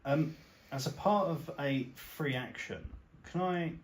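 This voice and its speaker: A man's voice: a little high, takes it slowly. A man playing a tabletop game, calling out rolls and damage in a matter-of-fact way with a playful streak. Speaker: player. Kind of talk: casual tabletop game play. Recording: roomy with faint noise.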